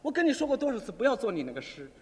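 Male comic doing a low, gruff big brother who scolds without pause, heard in an echoey hall. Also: sing-song. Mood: scolding. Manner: gruff, lecturing, exasperated. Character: stern scolding older brother. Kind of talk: comic crosstalk acting. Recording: echoey hall stage recording.

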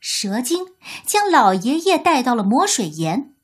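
A woman narrating a children's story in an expressive, deliberate way. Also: sits high, husky.

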